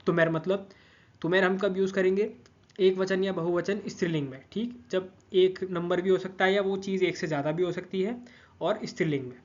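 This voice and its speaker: A man's voice: high voice, steady tone, fairly quick, highs cut off. A man giving a patient grammar lesson, repeating each word form and checking in with listeners often. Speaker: language teacher.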